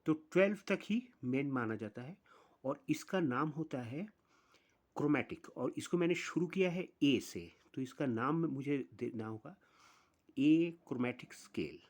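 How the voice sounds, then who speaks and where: A man's voice: medium pitch, animated. A man teaching music theory, explaining step by step and counting through the notes one at a time. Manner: slow, deliberate, counts notes aloud one by one.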